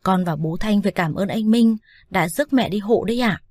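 A woman voicing a defiant young daughter-in-law who talks back calmly and teasingly. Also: medium pitch, fairly quick, no room sound, studio quality, natural voice. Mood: mocking calm. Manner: calm, teasing, lightly mocking.

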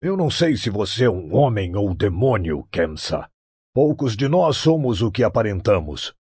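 A worldly, scheming noble prince, measured and cynical, as a male reader plays him. His voice sits low and husky, dry and close. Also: very animated, dark tone, dry recording. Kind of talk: audiobook character voice.

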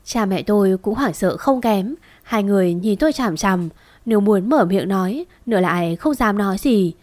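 A woman tells a first-person ghost story in a lively, conversational way. Her voice sits at an ordinary middle pitch for a woman. The recording is dry and close, with no room sound. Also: normal speed, no room sound.

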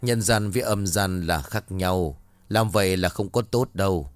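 A man voicing a sly, calm older exorcist who gives orders in a spoken ghost story. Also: sits low, measured pace, no room sound. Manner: calm, commanding.

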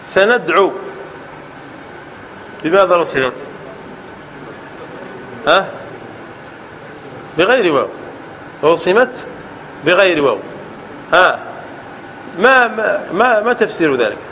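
A man teaching a grammar lesson to a class. He checks with his students often, repeats words, and stretches key words out slowly. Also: high-pitched, sing-song, sharp tone, slight background noise.

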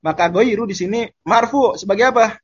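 A man teaching Arabic grammar in a casual online lesson, explaining terms and repeating Arabic examples slowly. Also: high voice, husky, highs cut off.

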